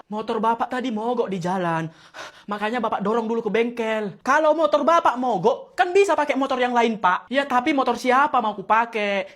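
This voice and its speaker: High-voiced woman. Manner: switches quickly between comic characters. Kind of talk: comic sketch acting.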